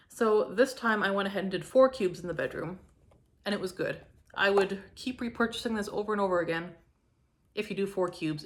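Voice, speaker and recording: A young Canadian woman reviews home fragrance products in a casual, enthusiastic way, peppering her speech with likes and ums. Her voice is at an ordinary middle pitch, a bit bright, and slightly hoarse from a cold.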